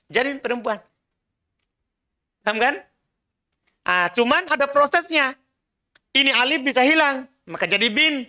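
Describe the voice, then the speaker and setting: A man's voice: very high voice, expressive, a little slow, pauses often, bright, forceful tone. A man teaching an Arabic class, patiently drilling pronunciation and having students repeat after him. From Indonesia. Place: small prayer room classroom.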